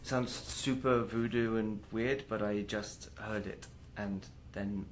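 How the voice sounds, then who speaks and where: A man's voice: on the low side, takes it slowly, a little hiss or hum. A man in his thirties, an actor being interviewed, talking casually with hesitant fillers and easy laughs. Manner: relaxed, hesitant with many fillers, laughs easily. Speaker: actor guest.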